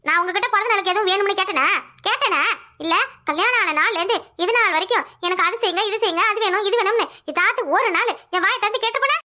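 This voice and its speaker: A woman voicing a fiery, quarrelsome young wife in a cartoon, scolding quickly and repeating her lines. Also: very high voice, pushed and bright. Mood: angry, scolding. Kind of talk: cartoon voice acting.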